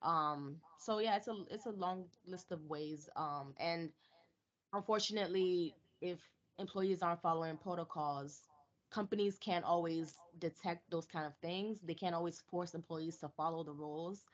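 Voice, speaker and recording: A woman's voice: on the low side, moderate pace. A woman on a video call, answering questions informally and tentatively as a seminar presenter. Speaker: seminar presenter, new to cybersecurity. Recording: dull, lo-fi video call audio.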